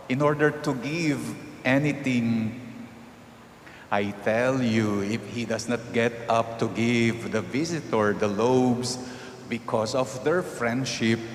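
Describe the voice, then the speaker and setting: A priest proclaims the Gospel in a slow, solemn, measured voice of ordinary pitch. His words ring out through a big cathedral echo with a long lingering reverb. A faint hiss sits underneath. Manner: measured, solemn liturgical reading. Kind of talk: proclaiming a Gospel reading at Mass. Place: large church during Mass.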